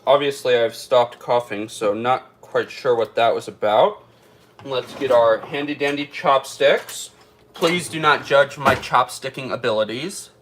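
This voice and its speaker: A man's voice: mid-range voice, unhurried, fairly bright tone. A man chatting through a casual taste-test vlog, thinking aloud as he eats. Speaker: food reviewer.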